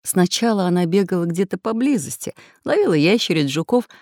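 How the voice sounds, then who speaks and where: A woman's voice: on the low side, a little fast, dry recording, studio quality. Woman narrating a children's story. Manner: expressive storytelling.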